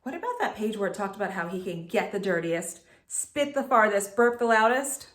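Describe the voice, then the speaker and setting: A woman's voice: mid-range voice, big pitch swings, normal speed, fairly bright tone, echoey room. A woman teacher reading a storybook aloud to students, telling it expressively and adding chatty asides.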